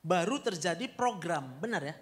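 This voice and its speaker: A man's voice: high voice, expressive, moderate pace, big-room sound. A man who is a doctor, answering audience questions in a blunt, teasing manner, with a Medan Indonesian accent. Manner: blunt, teasing, laughing often. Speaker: doctor giving a talk. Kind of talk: Q&A talk.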